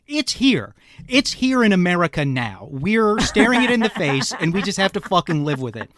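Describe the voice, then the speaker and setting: A man's voice: high voice, fairly bright tone, no room sound, studio quality. A man hosting a casual comedy podcast, ranting in a sarcastic and profane way. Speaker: podcast host.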